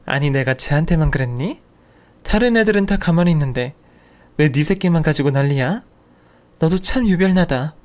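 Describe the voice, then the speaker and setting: A scornful, sharp-tongued old woman, as a male narrator puts her on in a spoken story. She scolds and sneers with a raised, slightly distant-sounding voice. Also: fairly high pitch, normal speed, close to an everyday voice. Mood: sneering.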